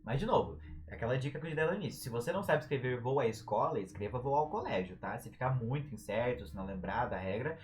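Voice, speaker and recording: A young Brazilian man with a Brazilian Portuguese accent runs a relaxed live-stream writing lesson. He jokes around, and his pitch swings widely as he talks. He stretches syllables out long to make a point. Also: quick pace, hardly any pauses. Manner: playful, jokey, drags out syllables for emphasis. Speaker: writing tutor.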